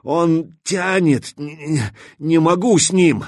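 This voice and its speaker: A man voicing a terrified young male stalker, barely twenty, who pleads and cries out in desperation with a husky voice. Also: a little high, slow, no room sound, studio quality, voice pushed up. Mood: desperate pleading.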